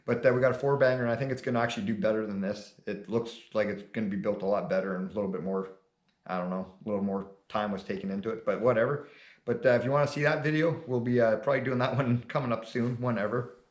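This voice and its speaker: A man's voice: on the low side, fairly even intonation, fast talker. A man who is losing his voice chats casually as host of his channel. He rambles loosely, with plenty of fillers. The sound is echoey, as if recorded in a bare room. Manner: laid-back, rambling with many fillers. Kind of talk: casual video chat.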